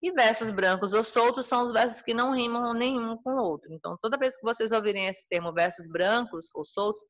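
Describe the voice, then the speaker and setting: A woman's voice: a little high, a little fast, fairly bright tone, muffled recording. A woman with a Brazilian Portuguese accent teaching a recorded school lesson, explaining patiently and restating each point. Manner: explanatory, repeats and rephrases points.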